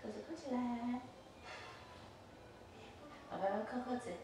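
A woman's voice: on the high side, measured pace. A mother patiently coaching her toddler through play, repeating simple instructions over and over. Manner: patient, repetitive, gently instructive. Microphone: distant camera mic. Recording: echoey, distant, noisy home recording.

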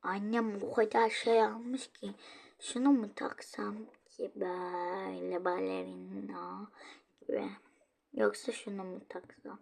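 Woman musing in a slow, gravelly half-whisper. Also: medium pitch, steady tone, darkish tone. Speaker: toy role-play video maker. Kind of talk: casual toy role-play narration.

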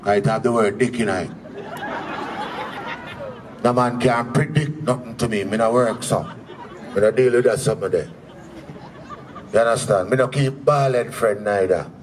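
A man's voice: lowish voice, normal speed, pauses often. A man with a Jamaican accent doing stand-up comedy, telling stories in patois and acting out the people in them. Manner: patois storytelling, acting out quoted characters. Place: live comedy venue with an audience. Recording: distant mic, faint crowd and room noise.

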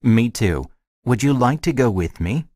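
A man's voice: mid-range voice, animated, unhurried, a little mellow, no echo, studio quality. A man acting a friendly character in a scripted language lesson dialogue, with careful short sentences. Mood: friendly, measured. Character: friendly man chatting about a shared hobby.

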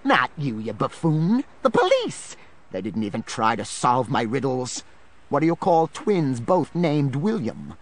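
An actor playing a gleeful, taunting villain obsessed with riddles in a children's audio drama, theatrical in delivery. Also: male voice, medium pitch, huge pitch swings, measured pace. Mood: irritated, gloating.

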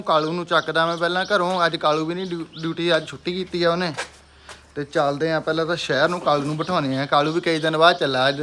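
A man's voice: a little high, fairly bright tone, a little hiss or hum. A man with a Punjabi accent, vlogging in a casual, chatty way and talking straight to his viewers on a phone camera. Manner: chatty, talks straight to viewers while walking and driving. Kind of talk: casual vlog chat.

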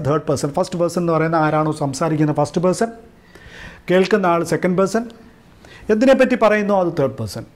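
A man with a Malayali English accent, teaching English grammar in Malayalam, going slowly over the points and checking with "right?". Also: fairly high pitch, a little mellow. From Kerala, India. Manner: slow, repetitive, recaps and asks "right?". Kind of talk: classroom-style grammar lesson.

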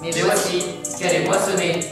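A stage performer playing a grave chorus member in an amateur Greek tragedy, lamenting in a solemn, measured way. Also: mid-range voice, little pitch movement, close to an everyday voice. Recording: very echoey hall, distant mic, loud music. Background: loud music.

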